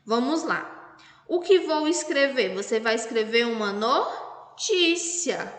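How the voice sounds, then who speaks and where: A Brazilian Portuguese woman teaching young children a lesson, talking slowly and patiently and spelling words out syllable by syllable. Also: on the high side, lively intonation. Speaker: primary school teacher. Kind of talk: recorded remote class lesson. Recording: echoey room with long reverb.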